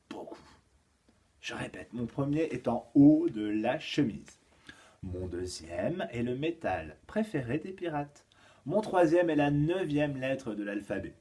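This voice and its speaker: With a dark, mid-range voice, a male kindergarten teacher leads young children through a home-schooling lesson: he counts aloud, sings a rhyme and reads riddles slowly and clearly.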